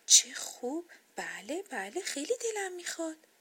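A woman's voice: high voice, very animated, fairly bright tone, pitched above the performer's own voice. A woman voicing a naive, childlike toy doll in a children's storybook, eager and girlish. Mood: delighted. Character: big toy doll, naive, drowsy then cross.

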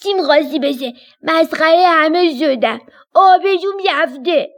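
A woman voicing a messy, flustered young storybook character, whiny and hurried. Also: sits high, fairly even intonation, voice pushed up, lightly acted. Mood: upset.

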